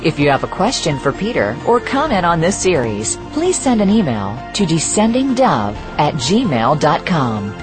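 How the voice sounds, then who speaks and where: A woman's voice: low-pitched, very animated, normal speed, hardly any pauses. A woman announcing station idents and show information in a polished announcer's read. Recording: voice over music bed.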